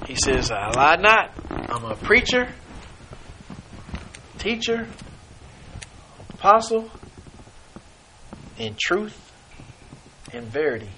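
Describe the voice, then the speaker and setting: A man preaching a sermon, halting and searching for words, acting out the scripture quotes. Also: sits high, very animated, pushed and bright. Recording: noisy recording.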